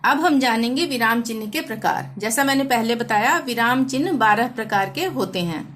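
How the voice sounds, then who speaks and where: A woman teaching a Hindi grammar lesson, reading example sentences slowly and deliberately. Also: a little high, animated, fairly bright tone, a little hiss or hum.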